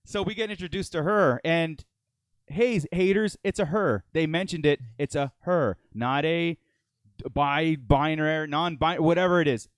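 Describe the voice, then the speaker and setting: A man co-hosting a fan podcast, rambling through his points with fillers and laughter. His voice sits a bit high and sounds dry and close, with no room echo. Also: moderate pace. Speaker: podcast co-host. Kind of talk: casual fan chat.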